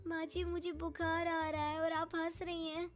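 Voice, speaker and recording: A woman's voice: extremely high pitch, completely flat delivery, normal speed, faint music behind, voice pushed up. A woman voicing a young Indian daughter-in-law, hurt and indignant, scolding in a family story. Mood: angry, hurt. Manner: scolding, aggrieved.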